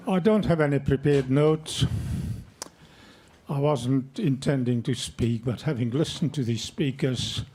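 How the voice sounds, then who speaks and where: Slow, mellow-voiced Hungarian-born man in his 80s. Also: mid-range voice, breathy edge. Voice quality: slow, measured, deliberate delivery. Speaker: audience member speaking. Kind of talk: unprepared speech at an event.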